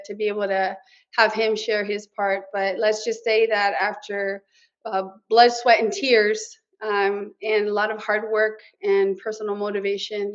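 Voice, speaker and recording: A woman's voice: medium pitch, lo-fi sound. A middle-aged woman from Mexico, raised in Nebraska, telling her personal story as an interview guest in an earnest, emotional way, with Spanish words mixed in. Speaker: interview guest, business owner.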